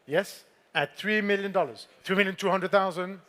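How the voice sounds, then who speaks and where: High-voiced man, fine art auctioneer calling bids. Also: moderate pace, a bit bright. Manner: poised, formal fine art auctioneer delivery, polite prompts to bidders. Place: auction saleroom with bidders present.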